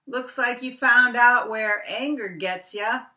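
A woman's voice: a little high, takes it slowly, pushed and bright, pitched above the performer's own voice, exaggerated voice. A woman storyteller voicing a sly, smug male fox in a folktale, cool and gloating, heard from a distant mic.

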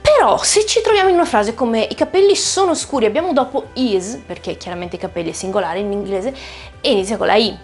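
A woman, a native Italian speaker, teaching an English pronunciation lesson in a lively, explanatory way, slowing down to stretch and repeat example words. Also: on the high side, faint music behind.

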